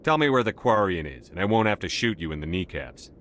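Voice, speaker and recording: An actor playing a tough, intimidating military commander in a video game, speaking firmly. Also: male voice, low voice, very animated, fast talker, noisy background. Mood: threatening. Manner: firm, intimidating. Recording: game music behind. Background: music.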